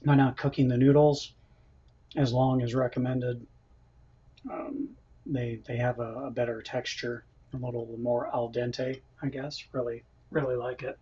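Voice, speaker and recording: Husky-voiced man livestreaming from his kitchen. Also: medium pitch, little pitch movement, a little slow, dark tone. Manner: chatty, reads out viewer comments, laughs often. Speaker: livestream cooking host. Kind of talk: casual livestream chat. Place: home kitchen. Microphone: built-in camera microphone. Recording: dull lo-fi camera mic audio.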